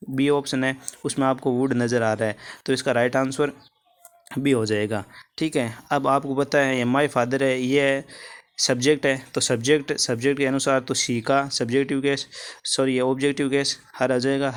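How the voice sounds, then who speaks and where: A man teaching English grammar for an exam in Hindi, going through answers step by step, repeating key words and checking in with his students. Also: medium pitch.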